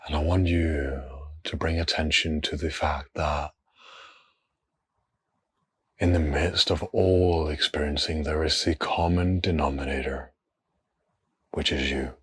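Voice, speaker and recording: This is a guided meditation from a man whose voice is extremely deep and breathily husky. He keeps his delivery hushed, slow and very level, and lets long pauses follow each short phrase.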